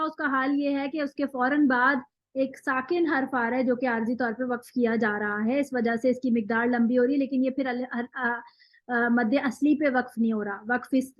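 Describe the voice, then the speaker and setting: A woman's voice: high-pitched, no room sound, highs cut off. A woman teaching Quran recitation in an online class, explaining patiently step by step and reciting examples.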